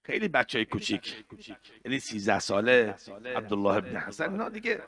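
A man preaching an emotional mourning sermon, moving between hushed, tender passages and loud, chanted lament. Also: fairly low pitch, very animated, crowd noise.

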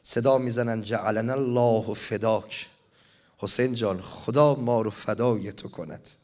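A man's voice: on the low side, a little mellow. A man preaching a mourning sermon, reading an elegy and chanting it, at times rising to impassioned cries.

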